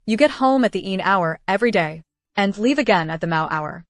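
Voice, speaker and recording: Period drama dub: actress playing a brisk, fussing young wife who cares and gives orders, very dry recording. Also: female voice, mid-range voice, animated, no echo, lightly acted. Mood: matter-of-fact, caring.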